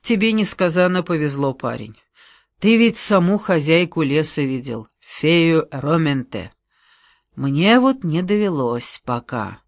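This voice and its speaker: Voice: medium pitch, lively intonation, a little slow, dry recording, clean studio sound. A reader voicing a romantic, cheerful middle-aged head forester who eagerly asks questions, in an audiobook. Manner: eager, cheerful, solemn at times.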